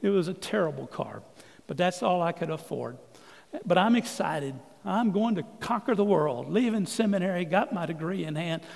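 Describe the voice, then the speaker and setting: A man preaching a sermon, telling a folksy, animated story from the pulpit in a church sanctuary. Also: high-pitched, moderate pace, creaky. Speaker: pastor. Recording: long hall reverb.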